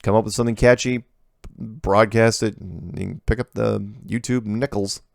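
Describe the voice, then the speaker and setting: A low-voiced middle-aged man with a gravelly edge works through viewer emails and comments on them in a relaxed, offhand way. The recording is dry and close, with almost no room sound. He sounds like a regular host chatting to his audience. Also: moderate pace, no echo. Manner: easygoing, reads letters aloud and comments offhand.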